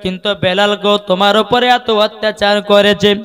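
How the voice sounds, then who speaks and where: A man's voice: sits high, steady tone, a bit bright, faint music behind. A male preacher telling a story in a sung sermon style, drawing out melodic phrases and calling on the crowd to answer. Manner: sings lines in drawn-out melodic phrases, calls crowd to respond.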